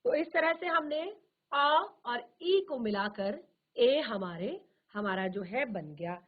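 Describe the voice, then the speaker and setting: A woman teaching Hindi grammar, slowly repeating terms and asking questions that she answers herself. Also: on the high side, expressive. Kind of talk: slow classroom explanation. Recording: tinny phone-like virtual classroom audio.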